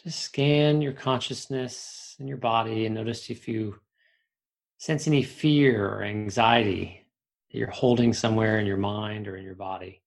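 Gravelly-voiced man guiding a meditation. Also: on the low side, steady tone. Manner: slow, soothing instructions with long pauses. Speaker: meditation guide. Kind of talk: guided relaxation meditation.

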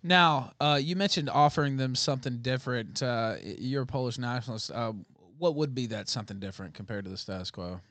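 A male host casually asking a guest questions, halting and restarting with fillers. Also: mid-range voice, a bit bright, no room sound.

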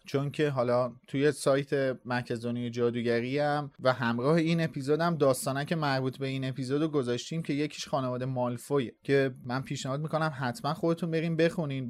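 A man's voice: mid-range voice, fairly even intonation, few pauses. A man hosting a podcast, explaining story points in a chatty way. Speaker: podcast host. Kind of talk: casual discussion.

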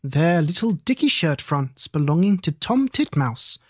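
A woman's voice: low-pitched, big pitch swings, measured pace, slightly rough, dry recording, studio quality, heavily acted. A woman voicing a stout, anxious female hedgehog washerwoman who talks in a deferential, old-fashioned polite way. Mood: fussy polite.

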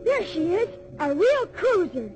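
A woman's voice: very high-pitched, big pitch swings, a little slow, music in the background, heavily acted, low-quality recording. A woman playing an eager, admiring young boy, earnest and polite, in old-time radio drama style. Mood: eager, knowing. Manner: earnest, polite, boyish exclamations.

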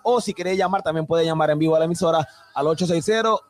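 Slightly high-voiced radio host announcing. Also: male voice, quick pace. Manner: steady, affirming, reading out contact details. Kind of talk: live broadcast announcing.

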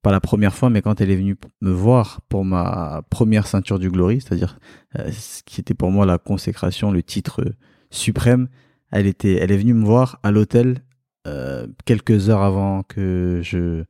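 A man from Cameroon with a low, mellow voice speaks as an interview guest in his own living room. He talks candidly and reflectively and laughs easily. The sound is dry and close. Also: fairly even intonation, normal speed, no echo. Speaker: podcast guest, kickboxing champion. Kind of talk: relaxed interview talk.

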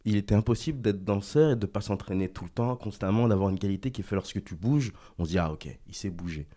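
A man who is a stage director and former dancer, explaining his craft in a lively, emphatic way in a casual chat. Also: on the low side, quick pace.

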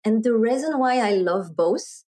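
A middle-aged woman from France with a French accent, speaking as an interview guest and explaining things clearly with a light laugh now and then. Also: fairly high pitch, expressive, measured pace, mellow. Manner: articulate, explanatory, laughs lightly while talking. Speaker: guest, marketing executive. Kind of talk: conversational interview.

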